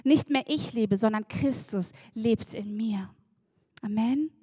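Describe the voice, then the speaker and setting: A woman preaching a sermon, lively and chatty, laughing and talking straight to the congregation. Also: fairly high pitch, takes it slowly, husky, no room sound, studio quality.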